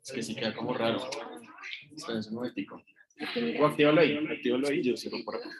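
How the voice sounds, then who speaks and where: A man's voice: medium pitch, quick pace, crowd noise. A man teaching a classroom lecture that also goes out over Zoom, his voice ringing with heavy echo from a large room; easygoing and filler-heavy, he keeps quizzing the class. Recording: echoey room sound.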